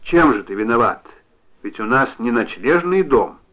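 A man's voice: mid-range voice, animated, moderate pace, close to an everyday voice. A man voicing a fussy, complaining wife. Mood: needling. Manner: complaining and needling. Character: fussy, self-pitying wife, woman. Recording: dull lo-fi recording.

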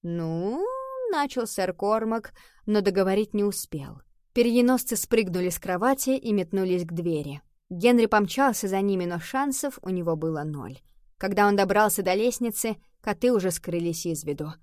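A woman reads a children's fantasy story aloud in a steady, even manner. Her voice sits at a middle pitch, and the recording is dry and close, with no room sound. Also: moderate pace, no room sound. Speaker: narrator. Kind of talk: audiobook narration.

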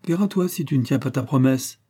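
A man's voice: medium pitch, animated, brisk, warm tone, breathy edge, voice pushed up. A man reading an audiobook, voicing a cocky young Parisian street lad who talks in a boastful, slangy way.

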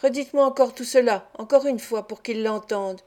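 A woman's voice: on the high side, fairly quick, warm tone, lightly acted. A woman reading aloud, voicing a scheming old male fence who presses hard on each word. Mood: pressing.

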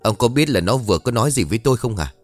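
A man voicing a domineering middle-aged mother who scolds fast and sharply, in a story reading. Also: fairly low pitch, animated, lightly acted. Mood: scolding.

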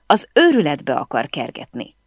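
A woman reading an audiobook voices a hysterical, frightened female film star who barks orders in a shrill, panicky way. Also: sing-song, darkish tone, dry recording, clean studio sound, heavily acted. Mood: panicked, bossy.

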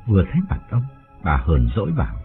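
A man narrating a village story in an expressive, lively way. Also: low-pitched, fast talker. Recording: tinny phone-like audio with music.

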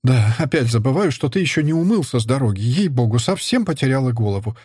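A man's voice: medium pitch, animated, fast talker, darkish tone, slightly rough, no room sound, studio quality. A man reading aloud, voicing a fussy, anxious mother in a raised, flustered voice. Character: fussy anxious mother, middle-aged woman.

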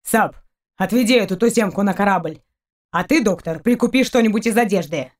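Audiobook: woman reader doing a brash grumbling male space captain, curt and gruff. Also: mid-range voice, brisk, natural voice.

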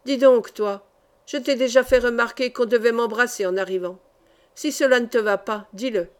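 A woman's voice: a little high, normal speed, natural voice. A woman reading an audiobook voices a bad-tempered, fat, middle-aged male singing teacher who barks and scolds. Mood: scolding. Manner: loud, barking, scolding.

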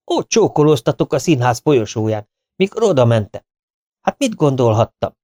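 A man voicing an impulsive young legionnaire who speaks out loudly and excitedly. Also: medium pitch, dry recording, studio quality, lightly acted. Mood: defensive. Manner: excited, shouting out.

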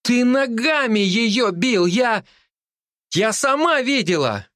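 A man voicing a brave, outspoken little village girl in an audiobook, talking in a shrill, indignant way. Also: expressive, slow, fairly bright tone, no room sound, clean studio sound, exaggerated voice.

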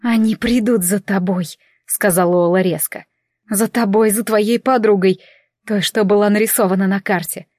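A woman's voice: mid-range voice, fairly even intonation, normal speed, a little mellow, dry recording, studio quality, natural voice. A woman voicing a bitter, hostile young female elf who speaks harshly through gritted teeth in an audiobook.

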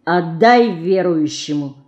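A woman voicing a pious, grieving peasant woman who speaks slowly, mournfully and sternly. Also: on the low side, lively intonation, darkish tone.

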